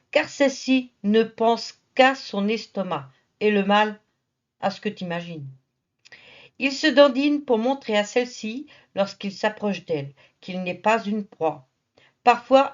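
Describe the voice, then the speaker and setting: A woman with a voice on the high side narrates a nature documentary in a familiar, teasing storytelling style, making playful asides to the viewer. The recording sounds muffled.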